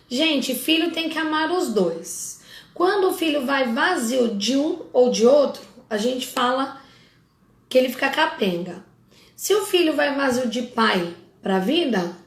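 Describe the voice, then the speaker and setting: A woman's voice: high-pitched, vocal fry, echoey room. A middle-aged woman with a Brazilian Portuguese accent, a family constellation therapist talking casually and directly to her followers, scolding them with informal asides.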